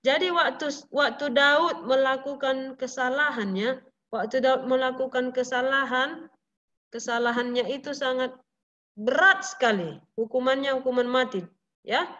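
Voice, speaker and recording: A woman's voice: high-pitched, a little slow, bright, forceful tone. Earnest woman teaching. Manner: earnest, repeats key points, asks the listeners questions. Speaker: Bible teacher. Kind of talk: explaining a Bible verse. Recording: muffled lo-fi recording.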